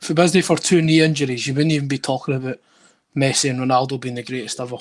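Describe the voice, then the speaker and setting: A man's voice: mid-range voice, little pitch movement, fast talker. A man hosting a casual football chat, blunt and opinionated with heavy swearing. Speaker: podcast host.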